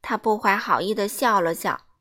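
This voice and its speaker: A woman reading a children's story aloud to kids in an animated, expressive way. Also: mid-range voice, moderate pace. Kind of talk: scripted children's story narration.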